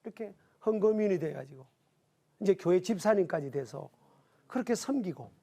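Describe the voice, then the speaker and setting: Middle-aged male pastor from Gyeongsang, TV Bible class teacher, high voice with wide swoops, quizzes the audience. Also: moderate pace, creaky. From Gyeongsang region, South Korea. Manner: animated, asks the audience questions and answers them himself. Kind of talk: televised Bible lesson.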